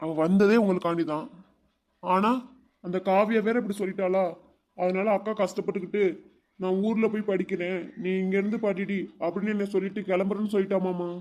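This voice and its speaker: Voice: medium pitch, fairly even intonation, fairly quick, a little mellow, lightly acted. A voice actor playing an eager, loyal young village girl in a cartoon, confiding earnestly. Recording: dull lo-fi sound.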